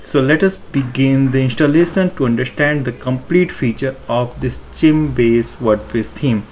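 A man's voice: medium pitch, measured pace, a little mellow, a little hiss or hum. Man explaining a website theme setup. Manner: explanatory, step-by-step, repetitive phrasing. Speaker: WordPress tutorial presenter. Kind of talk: screen-recorded tutorial walkthrough.

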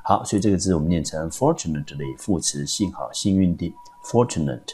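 A man's voice: deep voice, lively intonation, fairly quick, warm tone, breathy edge. A man, teaching English vocabulary patiently and step by step, with many fillers. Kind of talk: vocabulary lesson.

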